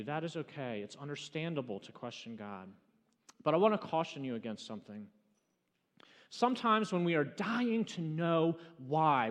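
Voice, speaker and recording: High-voiced preaching man, reverberant hall. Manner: swings between loud preaching and hushed, slow emphasis. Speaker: pastor. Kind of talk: sermon.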